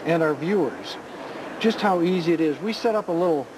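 A man's voice: fairly high pitch, lively intonation, a little fast. A man hosting an infomercial, giving unscripted sales talk in an insistent, repetitive way. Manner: insistent, repeats himself. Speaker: infomercial host and product pitchman. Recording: clearly noisy background ambience.

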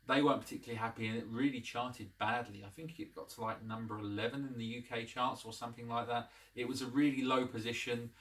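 A man's voice: fairly low pitch, a bit bright, distant mic. Rambling man reviewing from his living room. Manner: rambling, many ums and restarts. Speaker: channel host, reviewer. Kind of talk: casual to-camera review. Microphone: camera across the room.

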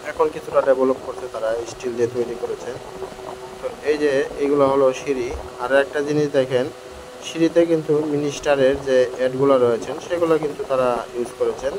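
A man vlogging his travels climbs stairs up a hill outdoors, slightly out of breath, talking to viewers directly in a frank, chatty, complaining way. His voice is medium-pitched, and the handheld phone audio is full of loud outdoor noise.

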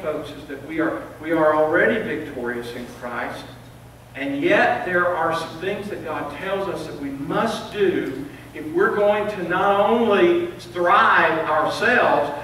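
High-voiced man preaching in an echoey church. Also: a bit bright. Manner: earnest preaching with rising emphasis and repeated restarts. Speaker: pastor. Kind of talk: sermon. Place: large church sanctuary, preaching at a lectern. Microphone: lectern microphone, filmed by a far camera. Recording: echoey sanctuary, distant mic, faint hiss.

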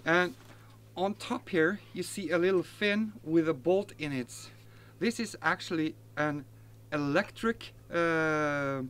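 Smooth, fairly bright, and a little high, this man's voice carries a casual garden chat as he unboxes and reviews a model plane. He's in his forties, a native speaker of Norwegian and RC hobby reviewer, and he leans on fillers and corrects himself often.

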